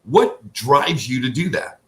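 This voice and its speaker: An older man hosts an interview show, chatting casually in an enthusiastic, rambling way and frequently restarting his sentences. He speaks slowly, with a medium pitch and lively intonation.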